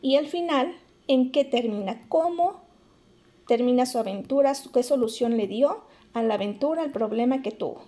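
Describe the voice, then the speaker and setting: A woman's voice: sits high, lively intonation, moderate pace, warm tone. A woman teaching a remote lesson to young schoolchildren, explaining each step patiently and calling them sweetheart. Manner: affectionate, addresses pupils as "corazones".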